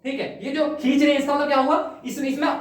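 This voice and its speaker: A woman with a somewhat high voice gives an exam-prep lecture, walking through each point and drawing out sample vowels. She sounds set back from the mic in a very reverberant room. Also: level tone. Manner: explains step by step, repeats "ठीक है", drawn-out sample vowels. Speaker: Hindi grammar teacher. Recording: very echoey room, far from the mic.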